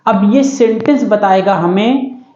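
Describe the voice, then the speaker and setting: A woman teaching shorthand in a classroom lesson, explaining slowly and repeating each point while often checking that students follow. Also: medium pitch, warm tone, a little hiss or hum. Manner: slow, repetitive explaining with frequent check-ins. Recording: echoey, dull lo-fi room sound.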